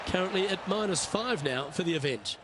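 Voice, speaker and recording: A man giving golf play-by-play commentary in short, measured, approving calls. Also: sits high, animated. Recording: outdoor crowd and ambience noise behind.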